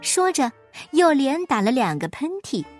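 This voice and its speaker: A woman storyteller reading a folk tale aloud in an expressive storybook style. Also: sits high, normal speed, soft background music.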